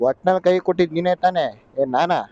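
A man's voice: high-pitched, fast talker, mellow, highs cut off. A man vlogging as a motorbike rider, giving in to his scolding bike in a comic sketch. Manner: weary, placating, gives in. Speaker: motovlogger and rider.

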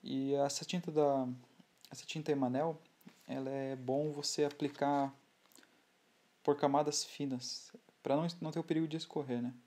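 A Brazilian man talks through a model-building tutorial at his workbench. His voice is dark and mellow, at a middle pitch. He is relaxed and unhurried, stopping to restart his phrases. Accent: Brazilian Portuguese. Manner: relaxed, halting, with many restarts. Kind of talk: hobby tutorial voice-over.

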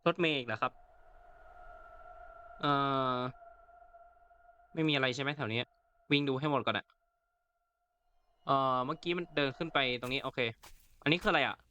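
A man's voice: a little high, moderate pace, long pauses, pushed and bright, muffled recording. A man hosting a let's play of a horror game, reacting chattily and reading the in-game text aloud. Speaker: gaming channel host.

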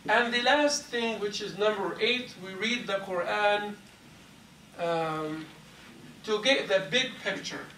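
In a large carpeted mosque hall, a man teaches a class, explaining in a measured way and answering questions from students. His voice is high-pitched and fairly bright. The audio, from a lapel mic and a distant camera, carries the hall's echo and a faint hiss.

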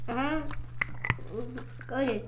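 A woman's voice: high-pitched, takes it slowly, echoey room. A woman chatting casually in short, simple remarks while biting food at a cafe. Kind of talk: casual mukbang chat. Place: cafe, indoors. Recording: clattering dishes and cutlery noise.

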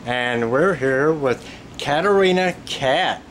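A man interviewing a performer in a dressing room, asking drawn-out, joking questions. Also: medium pitch. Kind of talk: casual interview. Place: small dressing room, indoors. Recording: room audio with steady hum.

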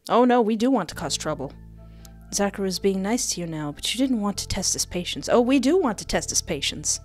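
A young woman hosts a let's play video, moving between dramatic narration of text and relaxed commentary, with music in the background. She uses a close desk microphone and headset, and her mid-range voice is expressive and brisk with a darkish tone.

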